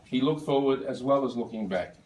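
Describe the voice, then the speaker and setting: A man's voice: medium pitch, brisk, darkish tone, a little hiss or hum. A man, giving an anecdotal speech at his birthday lunch. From Australia. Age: 70s. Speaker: birthday speaker. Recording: echoey room, voice from far off.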